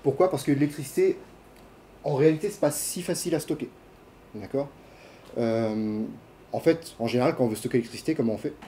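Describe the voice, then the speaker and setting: A man lectures to a class in a relaxed, chatty way. He stops often with fillers and restarts, and he puts questions to the students. His voice is mellow, with faint noise behind it. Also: medium pitch, fairly quick, long pauses. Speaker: university lecturer. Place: lecture hall.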